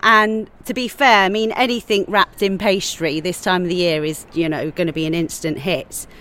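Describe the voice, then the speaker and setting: A woman chef chatting casually outdoors as a podcast guest, lively and prone to laughing. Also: on the low side, normal speed. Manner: chatty, animated, with frequent laughs. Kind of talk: casual chat. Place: outdoors on church steps.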